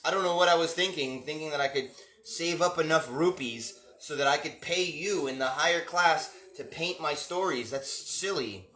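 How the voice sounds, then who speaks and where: A man's voice: a little high, normal speed, pushed and bright. A man rambling wryly in a monologue, as if talking to himself. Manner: wry, rambling, talks to himself. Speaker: vlogger. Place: room indoors. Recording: roomy echo.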